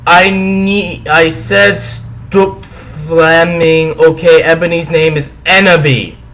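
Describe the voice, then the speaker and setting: A man voicing an indignant, defensive teenage girl fan fiction author in a hammy, shouty, whining way. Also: extremely high pitch, animated, normal speed, voice pushed up, heavily acted, poor audio. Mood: indignant, ranting.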